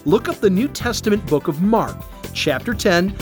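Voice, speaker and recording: Animated man reading a kids' story. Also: sits high, moderate pace, soft background music. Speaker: children's storyteller. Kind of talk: scripted narration for kids.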